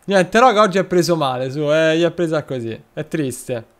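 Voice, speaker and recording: Man, game streamer, chatty commentary, somewhat high voice, lively exclamations. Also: normal speed. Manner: chatty, exclamatory, talks to his players and thanks viewers. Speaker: streamer playing a football manager game. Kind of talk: live gameplay commentary with chat shout-outs.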